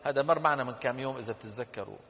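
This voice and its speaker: A man reading a classical text aloud to a class, slowly dictating corrections and quizzing his students. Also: mid-range voice, fairly bright tone, big-room sound. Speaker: teacher.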